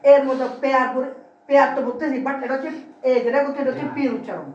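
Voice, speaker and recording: A male teacher giving a classroom grammar lesson. He drills his students with call-and-response questions and is brisk, at times scolding. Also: very high voice, fairly even intonation, darkish tone. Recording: roomy, distant, dull lo-fi classroom recording.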